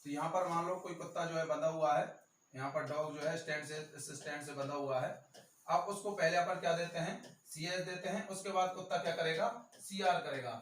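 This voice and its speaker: A man's voice: fairly high pitch, distant mic, slight background noise. Man teaching in an echoey room. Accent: Rajasthani. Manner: repetitive, stressing key terms slowly. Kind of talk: exam-prep lecture.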